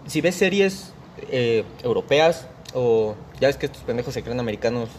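A man's voice: mid-range voice, animated, moderate pace, a little hiss or hum. A young Mexican man with a Mexican Spanish accent, co-hosting a casual podcast, slangy and swearing freely. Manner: slangy, swears freely, laughs mid-story. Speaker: podcast co-host.

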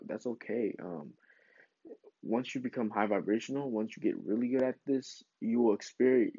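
A man's voice: on the low side, mellow, husky, no echo. A man giving a casual, encouraging spiritual pep talk in an informal, rambling way, as a self-help vlog host. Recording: dull lo-fi sound.

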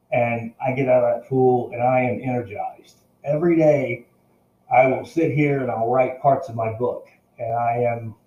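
An older man with a mellow, dark voice speaks earnestly to his viewers, urging them on in a casual talk to camera. He often stumbles, repeating and restarting words. The recording sounds roomy and slightly dull. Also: medium pitch. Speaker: vlogger addressing viewers.

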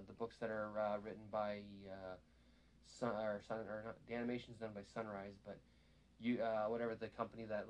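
A man's voice: on the low side, darkish tone. A man hosting a casual chat, talking in rambling, meandering sentences.

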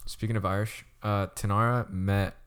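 A man's voice: fairly low pitch, little pitch movement, moderate pace, a bit bright, clear, resonant tone. Young man rambling with stammered restarts. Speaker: podcast co-host. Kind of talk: casual chat.

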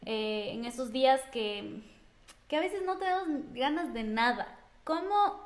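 Woman host on a podcast, curious and friendly, thinks out loud with lots of ums. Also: sits high, animated, unhurried. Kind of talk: casual interview questions.

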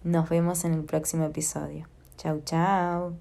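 A woman hosting a podcast, calmly guiding the listener through a spoken affirmation exercise and addressing her directly. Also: sits low, measured pace, gravelly. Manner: calm, coaching, speaks directly to the listener. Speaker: podcast host.

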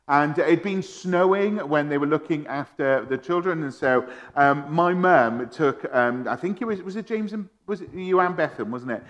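A man in his thirties hosting, friendly and chatty as he tells a family story. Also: medium pitch. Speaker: host. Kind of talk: casual storytelling in a tribute.

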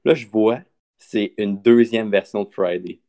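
A man's voice: lowish voice, measured pace. A young man co-hosting a podcast, telling stories in a chatty, slangy way. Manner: chatty, slangy, animated storytelling. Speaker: podcast co-host. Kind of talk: casual chat.

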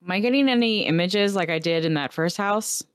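Low-pitched woman playing a tabletop game. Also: a little fast, clear, resonant tone, dry recording, studio quality. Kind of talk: casual game chat.

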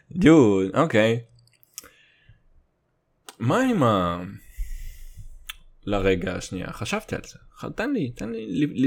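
A man's voice: lowish voice, vocal fry, breathy edge. A young man with a Russian accent in his Hebrew, rambling casually and comedically in crude slang, swearing and dropping in English words. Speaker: solo host.

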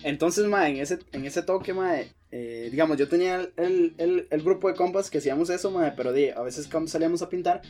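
Costa rican young dude rambling thru a story, lots of slang, slightly high voice. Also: male voice, a little fast, hardly any pauses, darkish tone, faint music behind. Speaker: storyteller guest. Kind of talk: casual chat.

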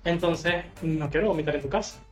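A man's voice: on the high side, a little fast, roomy sound, faint music behind. A young man with a Venezuelan accent, a podcast guest who chats playfully and tells stories at the host's home. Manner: playful, storytelling, giggly. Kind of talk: casual podcast chat.

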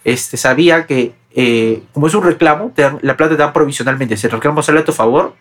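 Young Peruvian man, quick and animated storyteller, slightly high voice, good for a casual podcast read. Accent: Peruvian Spanish. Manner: fast, animated anecdote-telling with many restarts. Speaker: podcast co-host.

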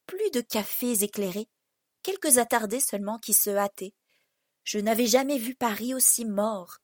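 A woman's voice: a little high, no echo, clean studio sound. Woman reading a story aloud expressively. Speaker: narrator. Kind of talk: audiobook reading of literary prose.

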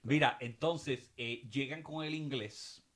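A man hosting a casual chat, relaxed and teasing, often cutting in. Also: mid-range voice, crowd noise. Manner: relaxed, teasing and quick to interject. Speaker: podcast host.

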